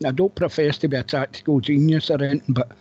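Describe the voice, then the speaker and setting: A man's voice: fairly high pitch, fairly even intonation, fast, dark tone, husky. A Scottish man talking football casually on a phone-in show, blunt and colloquial in his phrasing. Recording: dull, lo-fi call-in audio.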